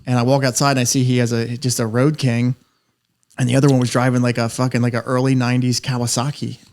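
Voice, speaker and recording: A man's voice: mid-range voice, flat delivery, quick pace, darkish tone. A man telling rambling, profane stories in casual podcast chat, laughing as he goes. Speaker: podcast co-host.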